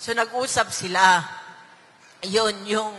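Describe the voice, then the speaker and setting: A woman's voice: medium pitch, slow pace, fairly bright tone. A middle-aged woman giving an emotional, earnest rally speech and often repeating herself. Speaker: speaker at a political party event. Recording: echoey hall reverb.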